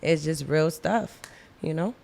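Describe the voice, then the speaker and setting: A woman co-hosting a casual podcast talk with a slightly low voice, laughing easily and circling back over her words. Her voice carries a long reverb tail from the room. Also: measured pace, vocal fry, a little mellow. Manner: laughs often, talks in repeated restarts. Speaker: podcast co-host.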